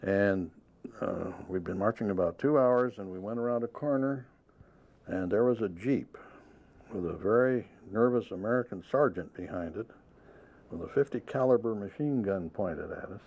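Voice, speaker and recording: An older man recounting memories as an interviewee, telling his story calmly and in order. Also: lowish voice, normal speed, muffled recording. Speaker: former prisoner of war interviewee.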